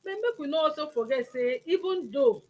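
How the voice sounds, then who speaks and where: A woman's voice: high-pitched, animated, a little fast, darkish tone. A woman with a Nigerian accent hosting a conversational talk, acting out examples as she explains. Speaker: talk show host.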